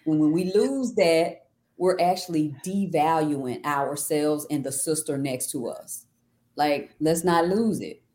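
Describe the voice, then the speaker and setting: Woman, podcast guest, low mellow voice, earnest, reflective. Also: a little slow. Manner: earnest, faith-filled, reflective. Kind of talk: casual interview chat.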